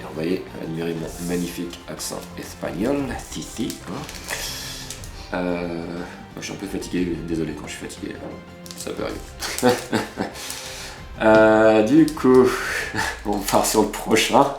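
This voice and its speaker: Deep voiced guy ripping card packs, gets all excited, echoey room. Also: a little slow. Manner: excitable, exclaiming over cards, chatty asides. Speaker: host opening trading card packs. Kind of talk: casual unboxing chat to viewers. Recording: roomy room with background music.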